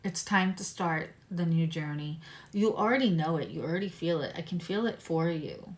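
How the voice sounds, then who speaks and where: A woman giving a casual live tarot reading in a meandering way, her speech slightly impeded by a swollen tongue. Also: on the low side. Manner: unhurried, meandering, drifting between card readings and asides. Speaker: live-stream tarot reader.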